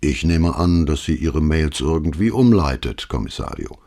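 Careful subordinate cop, soft-spoken and diplomatic, deep husky voice, read by a man. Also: very animated, moderate pace, exaggerated voice. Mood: deferential. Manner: hesitant, deferential, diplomatic. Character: cautious, diplomatic male police inspector.

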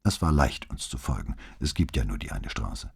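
A man's voice: extremely low pitch, big pitch swings, normal speed, gravelly, husky, pitched below the performer's own voice, exaggerated voice. A man reading an audiobook, voicing a shaken middle-aged police commissioner who talks in a subdued, downplaying way. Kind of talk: audiobook dialogue.

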